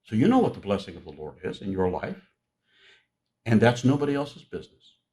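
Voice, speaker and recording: Lively, conversational male preacher. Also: on the low side, fairly quick. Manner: conversational teaching with jokes to the congregation. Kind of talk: sermon.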